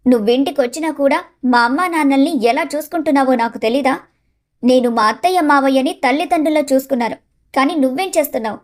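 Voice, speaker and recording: A woman's voice: high voice, measured pace, a little mellow. A woman doing a tearful, indignant young daughter. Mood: hurt indignant. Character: hurt young married daughter.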